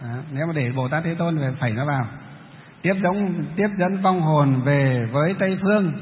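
High-voiced monk teaching. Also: male voice, normal speed. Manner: explanatory, chatty, quizzes the audience. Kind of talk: dharma talk to a hall audience. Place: large lecture hall. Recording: thin phone-like sound, long hall echo.

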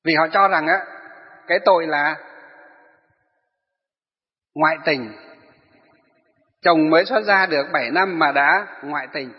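A man's voice: fairly high pitch, a little slow, long pauses. A man telling a Buddhist story as a sermon. He keeps posing rhetorical questions and then answers them himself. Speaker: Buddhist preacher. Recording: echoey hall, dull lo-fi sound.

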